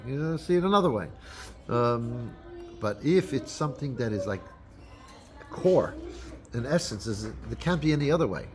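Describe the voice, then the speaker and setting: A man speaking as a rabbi, giving an unscripted holiday talk to his congregation with frequent restarts and fillers. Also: mid-range voice. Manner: unscripted, halting, with many restarts.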